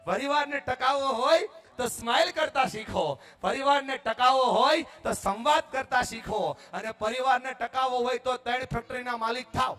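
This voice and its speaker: High-voiced guy hyping up a crowd at a family event, gets them chanting back, some shouting, faint music behind. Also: normal speed. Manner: loud and exhorting, leading the crowd in chants, sometimes shouting. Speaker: motivational speaker at a family gathering. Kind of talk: energetic public speech with audience call-and-response.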